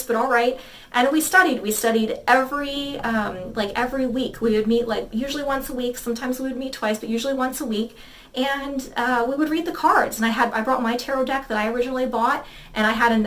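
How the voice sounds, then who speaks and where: A woman's voice: on the high side, recorded from a distance. A woman in her thirties, a tarot reader, telling a personal story in a chatty, rambling way full of fillers and quoted dialogue. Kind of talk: casual storytelling to camera.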